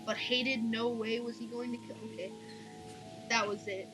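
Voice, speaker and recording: A young woman reads a horror story aloud casually as a creepypasta reader, often stumbling over lines and starting them again. Her fairly high voice holds a steady tone at a moderate pace, with background music and poor audio quality.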